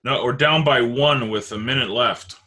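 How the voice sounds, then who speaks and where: Bright-voiced man chatting sports. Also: medium pitch, normal speed. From Canada. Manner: loose, rambling, swears casually. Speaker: sports talk show host. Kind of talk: casual sports chat.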